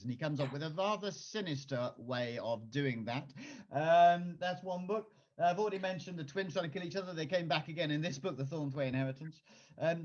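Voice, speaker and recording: At home at his piano, a man who writes children's books chats casually on a video call and breaks into his own songs and raps, with piano music behind him. His voice is mid-range, and the highs are cut off.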